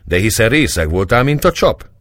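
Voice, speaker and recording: Hearty teasing young officer, read by a man, low and lively. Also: no room sound, studio quality. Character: jovial young lieutenant, teasing.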